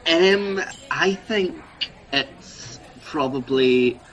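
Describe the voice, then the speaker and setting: This man in his twenties, a Scottish drag performer, chats in a playful, self-mocking way and laughs a lot. His voice sits on the high side, fairly bright, with drawn-out words. The recording sounds muffled.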